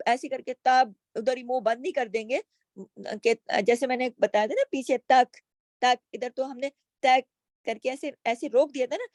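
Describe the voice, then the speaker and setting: Female tajweed teacher, patient explainer, unhurried delivery, dry close mic. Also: high voice, darkish tone, no echo. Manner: patient, explains each letter and asks rhetorical questions. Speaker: Quran recitation teacher. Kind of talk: slow tajweed lesson with recited words.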